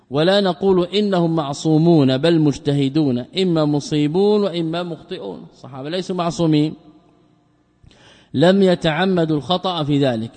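A man's voice: fairly high pitch, a little mellow. Man teaching a religious text in a reverberant hall. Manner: reads quoted passages then explains them, repeating key phrases. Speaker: Islamic scholar teaching a text. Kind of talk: recorded religious lesson, explaining a text line by line.

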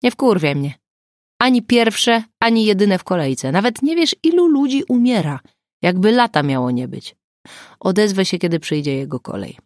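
A woman voicing a grumpy, sarcastic older male forensic pathologist in an audiobook, talking in a gruff grumble. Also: deep voice, expressive, normal speed, a little mellow, no echo, clean studio sound. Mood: grumbling. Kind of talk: audiobook character voice.

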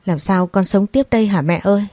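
A woman's voice: medium pitch, a little fast, warm tone, no room sound, close to an everyday voice. A woman reading the part of a sobbing young girl who pleads with her mother.

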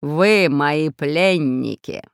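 A woman voicing a menacing male lord of plants, a mad gardener villain in a children's audiobook, speaking slowly and threateningly. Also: deep voice, gravelly, clear, resonant tone, dry recording, studio quality, full character voice. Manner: slow and threatening.

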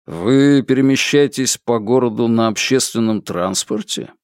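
A man's voice: medium pitch, a little slow, smooth, no echo, clean studio sound, natural voice. A man doing a blunt, matter-of-fact detective. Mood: businesslike. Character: dry, practical male detective. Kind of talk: audiobook character voice.

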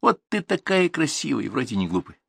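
A man's voice: medium pitch, very animated, fairly quick, gravelly, a bit bright, breathy edge, no echo, pitched above the performer's own voice, exaggerated voice. A man reading an audiobook, voicing a touchy, brooding man who rambles and questions himself.

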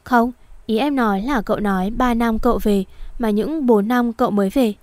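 A woman's voice: on the high side, moderate pace, no room sound, natural voice. A woman reading a story and voicing a timid, devoted young servant girl who speaks politely and anxiously. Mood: meek.

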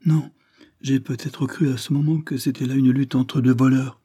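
Un homme incarne une jeune noble effrayée qui supplie et pleure, dans la lecture d'un roman. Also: male voice, medium pitch, level tone, normal speed, warm tone, breathy edge, no room sound, clean studio sound, pitched above the performer's own voice, lightly acted. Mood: distraught, pleading. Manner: tearful, trembling pleading. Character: frightened young noblewoman, tearful and pleading. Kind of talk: audiobook character reading.

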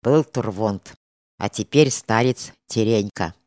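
A woman's voice: extremely low pitch, takes it slowly, mellow, dry recording, studio quality, pitched below the performer's own voice. A woman voicing a stern, gloomy monk, a former soldier, speaking firmly and soberly. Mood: stern grim. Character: stern red-haired male monk, grim ex-soldier in chains.

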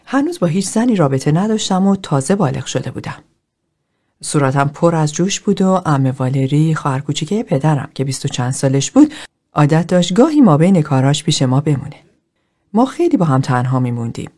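A woman voicing an adult man in a therapy group, telling his story in a measured, confessional way. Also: sits low, lively intonation, dark tone. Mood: earnest.

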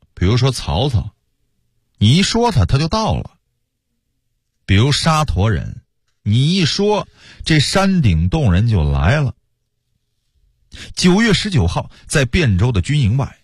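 A man telling a historical tale on radio with lively, humorous storytelling. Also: medium pitch, husky, dry recording, clean studio sound.

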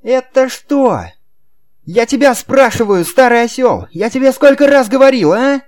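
A shrill sadistic rich brat. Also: male voice, sing-song, slow, smooth, no room sound, clean studio sound, heavily acted. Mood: shrieking. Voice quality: shrill, screeching. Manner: insulting, yelling orders. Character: spoiled, shrill, sadistic rich young man.

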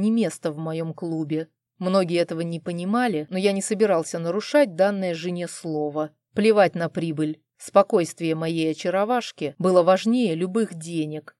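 A woman's voice: fairly low pitch, darkish tone, no room sound, studio quality. A woman narrating a romance novel in the first person with a dramatic, emotional reading. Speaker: audiobook narrator.

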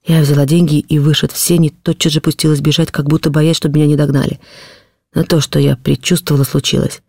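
A woman's voice: low-pitched, little pitch movement, fast talker, vocal fry, mellow, dry recording, clean studio sound. A woman reading a classic novel aloud as an audiobook, narrating in the first person with feeling.

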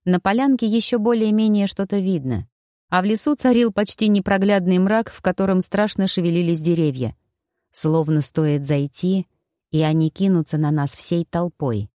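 A woman telling a fantasy story in the first person as an audiobook narrator, with lively, expressive delivery. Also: lowish voice, normal speed, no room sound, studio quality.

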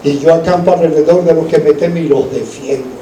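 A male preacher exhorts his congregation from some distance off the mic, in a large, echoing room during a church service. His voice sits high for a man, steady and mellow, and he drives the sermon fast with questions and repeated phrases, with a little hiss or hum audible.

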